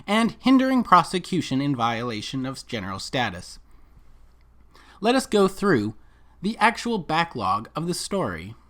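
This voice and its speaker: A commentator and narrator with a medium-pitched, fairly bright voice reads from documents as part of a scripted video commentary. His phrasing is rhetorical, emphatic and deliberate.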